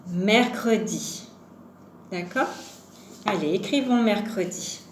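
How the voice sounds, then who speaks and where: A woman's voice: medium pitch, slow. A woman teaching a home lesson to young children, patient and sounding out each syllable and number aloud. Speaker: kindergarten teacher. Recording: echoey room with faint background noise.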